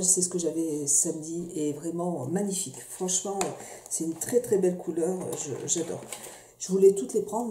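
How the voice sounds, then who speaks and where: At home, a woman with a lowish, warm voice chats her way through a review of beauty products, hesitating often and full of fillers and restarts. She's a beauty vlogger, and the room sounds echoey with a faint background noise.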